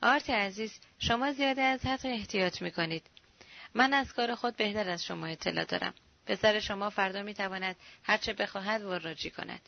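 A woman's voice: mid-range voice, vocal fry, dull audio, lightly acted. A woman reading the part of a cool, self-assured male rebel agent who gives orders curtly. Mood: commanding. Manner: curt, authoritative.

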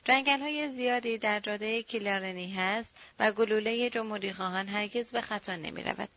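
A woman's voice: medium pitch, dull audio, close to an everyday voice. A woman reading the part of an anxious middle-aged husband who speaks earnestly and cautiously. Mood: pleading.

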